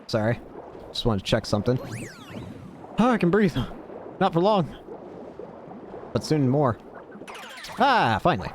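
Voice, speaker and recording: A man giving casual, offhand video game commentary, rambling to himself, with some static on the mic. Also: medium pitch.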